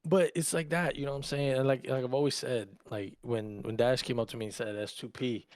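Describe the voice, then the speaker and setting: This podcast co-host and content creator, an Argentine-born man in his early twenties who grew up in Louisiana, USA, swaps personal stories in casual, slang-heavy, profane talk. His mid-range voice stays steady and moves a little fast.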